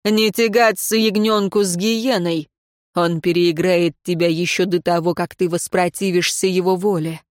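A woman's voice: lowish voice, steady tone, no echo, studio quality, lightly acted. Woman doing a scornful imprisoned nobleman. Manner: slow, cold, mocking.

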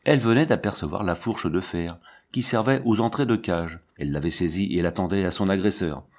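Low-voiced man narrating an audiobook. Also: fairly quick, darkish tone. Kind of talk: scripted narration.

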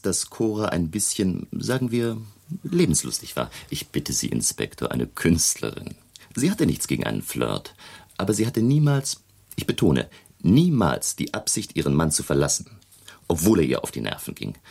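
An indignant, evasive family friend in an old radio play, his voice very deep with a gravelly, husky edge. His pitch leaps and falls as he hammers home his points. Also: very animated, moderate pace, a little mellow, full character voice. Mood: defensive, indignant. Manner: indignant, evasive, emphatic stresses. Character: defensive male friend reporting a missing woman. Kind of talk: 1970s radio drama acting.

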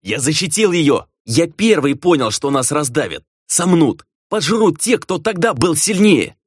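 A man's voice: mid-range voice, very animated, moderate pace, dry recording, studio quality, pitched above the performer's own voice. A man reading an audiobook voices an arrogant, scornful male vampire clan lord. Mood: raging. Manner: scornful, domineering, shouting at times. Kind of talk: audiobook character voice.

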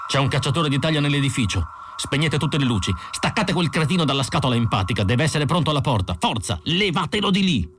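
A man's voice: fairly high pitch, very animated, fast talker, few pauses, fairly bright tone, slight background noise, pitched above the performer's own voice. A man voicing a growling android leader barking orders. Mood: alarmed. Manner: growling, urgent commands.

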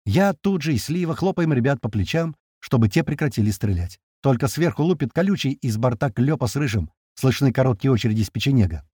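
Husky, lively male audiobook narrator. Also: medium pitch, a little fast, hardly any pauses, no room sound, clean studio sound. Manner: tense, lively storytelling. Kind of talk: first-person audiobook narration.

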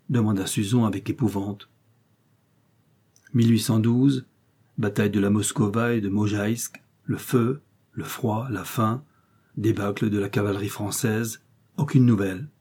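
A man reading a short story aloud as narrator, in a measured storytelling manner that lifts for the quoted dialogue. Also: lowish voice, mellow, slightly rough.

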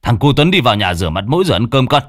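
A man voicing a gruff, hot-tempered older father who scolds loudly. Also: medium pitch, big pitch swings, very fast, no room sound, studio quality. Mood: angry.

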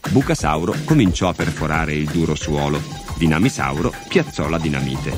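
A man narrating a children's story with an expressive, dramatic reading. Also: extremely low pitch, moderate pace. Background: music.

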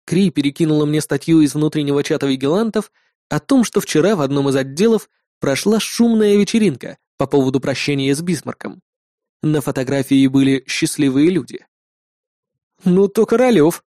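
An audiobook narrator reading first-person prose with lively dry humor. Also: medium pitch, brisk, dry recording.

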